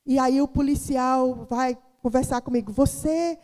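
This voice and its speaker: A woman's voice: sits high, moderate pace, mellow. A middle-aged woman pastor from Brazil giving a sermon testimony, telling her story dramatically and acting out the voices of the people in it. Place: church. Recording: long hall reverb.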